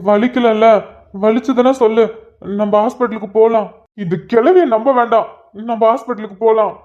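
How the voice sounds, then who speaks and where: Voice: medium pitch, fairly quick, lo-fi sound, close to an everyday voice. A young husband in a cartoon, fretful and pleading, who keeps repeating himself. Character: devoted, worried young husband. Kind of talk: cartoon voice acting.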